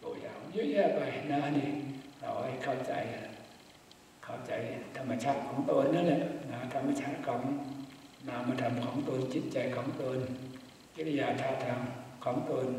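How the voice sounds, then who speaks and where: A man, a Buddhist monk, giving a calm, unhurried dhamma sermon full of rhetorical questions. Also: mid-range voice, a little hiss or hum. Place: temple hall in Las Vegas. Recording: echoey hall, distant mic, faint ambience.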